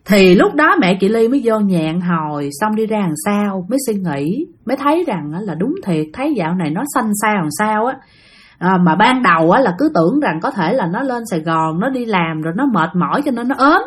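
A woman's voice: medium pitch, expressive, fairly quick, breathy edge. A woman with a Southern Vietnamese accent telling a ghost story in a chatty way, often turning to speak straight to her listeners. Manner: chatty, addresses listeners directly. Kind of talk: spoken ghost-story narration.

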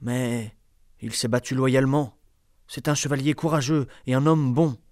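Wise fair king in a learners' storybook, measured and authoritative, voiced by a man, dry sound. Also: medium pitch, fairly even intonation, a little mellow, dry recording, lightly acted. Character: wise fair older king, calm and just.

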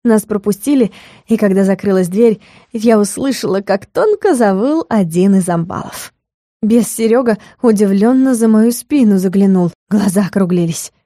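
A woman reading a first-person fantasy audiobook in a lively storyteller manner, putting on voices for the characters. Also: mid-range voice, normal speed, dry recording, clean studio sound. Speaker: audiobook reader.

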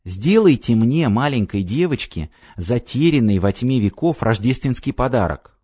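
A man reading an audiobook voices a stubborn, tearful little girl who is a time traveler, speaking high and pleading, shrill when upset. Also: expressive, normal speed, mellow, husky, no echo. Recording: dry, slightly dull audiobook recording.

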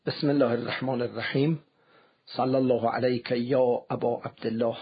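A man delivering a formal religious lecture in a measured way, quoting scripture as he goes. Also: medium pitch, flat delivery, breathy edge, muffled recording.

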